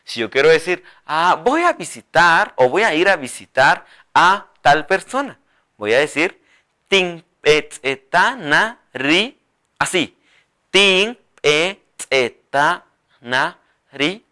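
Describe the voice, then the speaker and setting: A man leads a TV language lesson, his fairly high voice ringing bright. His pitch swings widely as he draws out new words slowly and coaxes viewers to say them back. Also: big pitch swings. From Guatemala. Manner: drills words slowly, coaxing viewers to repeat aloud. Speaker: language teacher.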